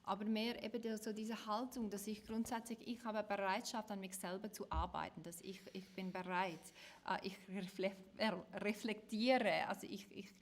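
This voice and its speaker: A woman's voice: medium pitch, steady tone, moderate pace. Swiss German woman, reflective co-host. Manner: affirming, reflective. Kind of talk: live-streamed couples chat.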